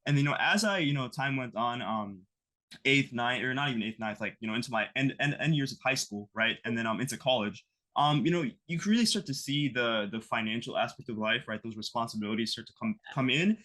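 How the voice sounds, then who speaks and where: Young man in his twenties, interview guest, quick rambling speech, bright tone, many fillers. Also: mid-range voice, animated. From East Coast of the United States. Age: 20s. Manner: rambling, heavy on fillers like "you know" and "like". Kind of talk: casual interview talk.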